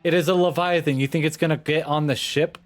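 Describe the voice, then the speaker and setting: A man's voice: a little high, fairly even intonation, quick pace, faint music behind. A man running a tabletop game as game master, apologetic and laughing, often stumbling over his words.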